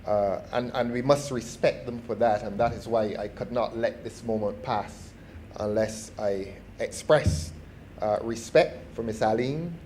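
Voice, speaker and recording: A middle-aged man with a Barbadian accent gives a formal parliamentary speech, measured and deliberate, often restarting his phrases. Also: on the low side, darkish tone, slight background noise. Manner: measured and formal, with repeated false starts. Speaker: member of parliament.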